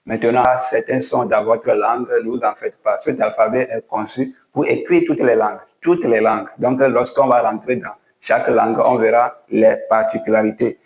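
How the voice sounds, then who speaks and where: A man's voice: medium pitch, fairly even intonation, darkish tone, echoey room, low-quality recording. A man teaching how to write and read the letters of an alphabet, guiding each stroke step by step in a patient way. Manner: slow, patient step-by-step instruction. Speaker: language teacher. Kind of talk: writing lesson at a board.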